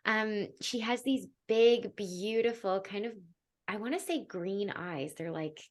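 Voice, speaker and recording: A young woman hosts a podcast and gives a spiritual guidance reading in a relaxed, chatty way. Her speech is full of fillers and small laughs. She often drops into a soft, hushed voice while she describes what she sees. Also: mid-range voice. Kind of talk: casual podcast chat and intuitive reading.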